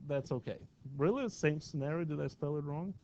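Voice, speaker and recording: Man, math teacher, classroom lecture, chatty, asks the class questions, slightly high voice, muffled lo-fi sound. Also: brisk, mellow, slight background noise.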